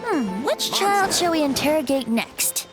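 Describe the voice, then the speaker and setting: A woman's voice: high-pitched, big pitch swings, measured pace, poor audio. A woman voicing a playful young male bard with a breezy, slightly old-fashioned way of talking. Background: game music.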